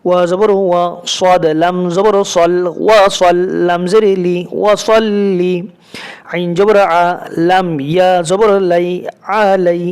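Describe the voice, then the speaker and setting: A man teaching Quran reading, spelling out letters and vowels syllable by syllable and chanting the words slowly. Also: high voice, little pitch movement, darkish tone, clear, resonant tone. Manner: slow syllable-by-syllable drilling, drawn-out chanted recitation.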